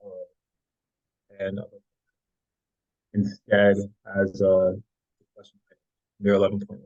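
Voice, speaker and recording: A man's voice: low voice, monotone, measured pace, a little mellow. A man at an online meeting, hesitantly moving amendments with many fillers, his computer audio crackling and cutting out. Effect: crackling audio that keeps cutting out. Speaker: council member. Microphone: computer mic on a video call. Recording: dull, dry, crackling call audio.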